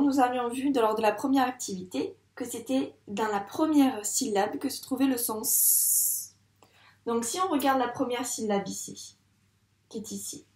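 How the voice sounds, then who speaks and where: A woman teaching a reading lesson to young children in a patient, encouraging way, sounding out words slowly at the board. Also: on the high side, reverberant. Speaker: primary school teacher. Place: classroom with a board.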